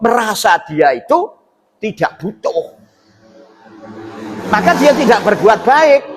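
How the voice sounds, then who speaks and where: Slightly rough and high-pitched, this man's voice fills a reverberant mosque hall. Speaking with a Javanese accent, he gives a relaxed sermon that explains scripture in a teaching style, peppered with rhetorical questions and check-in tags.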